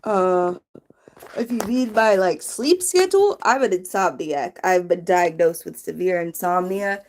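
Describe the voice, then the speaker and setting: A woman's voice: lowish voice, lively intonation, measured pace, a little mellow. Sleepy, rambling woman streaming late. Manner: rambling, drowsy, chatty. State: sleepy, yawning. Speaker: livestreamer. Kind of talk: late-night casual livestream.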